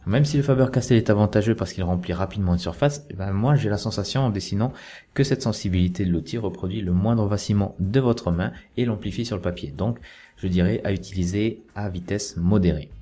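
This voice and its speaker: A man who teaches drawing, reading a measured, explanatory narration that compares two pens. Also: lowish voice, dark tone. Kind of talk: scripted review narration.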